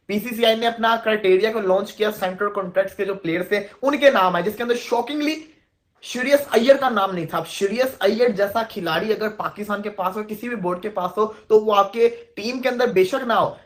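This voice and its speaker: A man's voice: high voice, a bit bright. Man chatting through cricket pay. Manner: chatty, explaining step by step. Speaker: video host. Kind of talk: casual explanatory reaction video.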